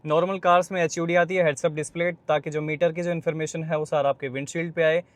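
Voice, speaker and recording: Guy doing a car review from the driver's seat, chatty, a bit high-pitched. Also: flat delivery, dry recording. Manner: chatty, explains features quickly to viewers. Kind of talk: casual walkaround and driving review. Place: inside a car.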